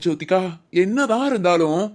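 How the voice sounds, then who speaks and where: ஒரு ஆண் நடிக்கும் கிண்டல் செய்யும் இளம் கணவன், சற்று உயர்ந்த குரல், கெஞ்சும் கேலிப் பேச்சு. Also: male voice, high voice, expressive, normal speed. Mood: teasing. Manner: teasing, pleading, wheedling. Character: playful teasing young husband. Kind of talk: comic family drama acting.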